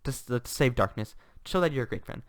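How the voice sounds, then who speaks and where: A cheerful young female thief, voiced by a man, friendly and breezy, speaking a touch quickly. The voice stays close to the performer's own. It is a light, offhand impression. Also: mid-range voice, animated, dry recording, natural voice. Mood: kind.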